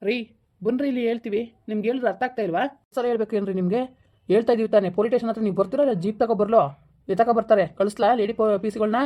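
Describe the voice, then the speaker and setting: A woman's voice: on the high side, steady tone, very fast, muffled recording, close to an everyday voice. A woman voicing a stern, bullying male police officer who scolds and threatens a village wife over the phone in a comedy skit. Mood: officious.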